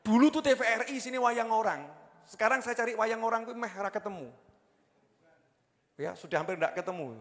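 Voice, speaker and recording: A man with a Javanese accent preaching a sermon, swinging between loud exhortation and low joking asides. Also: in a large hall.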